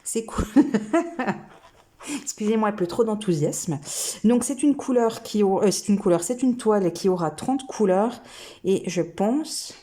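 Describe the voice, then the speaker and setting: A woman's voice: mid-range voice, mellow. A woman hosting a craft video, chatting casually and enthusiastically as she unboxes cross-stitch kits, thinking aloud with many hesitations. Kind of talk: casual unboxing chat to camera.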